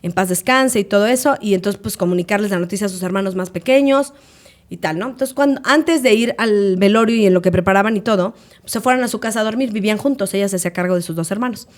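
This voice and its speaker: A woman's voice: mid-range voice, fast. A Mexican woman in her late thirties, a podcast co-host, telling stories in a casual chat and acting out the people she quotes. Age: late 30s. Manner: animated, acts out quoted voices.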